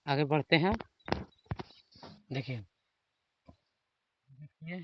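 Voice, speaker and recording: A man's voice: on the high side, extremely slow, dry recording, dull audio. A man teaching an online spoken English class, repeating his prompts often and spelling example words letter by letter. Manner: repetitive, keeps saying "dekhiye" and "theek hai".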